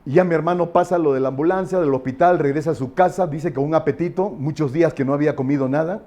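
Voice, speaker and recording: A man's voice: fairly high pitch, fast talker, dark tone. A male pastor giving a sermon with a personal testimony, emphatic and repetitive, with frequent fillers and tag questions.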